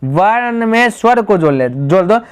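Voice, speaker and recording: Animated and clean-toned, this man's high voice moves at a moderate pace through a grammar lesson. He explains step by step, answers his own rhetorical questions, and calls the students "my brother."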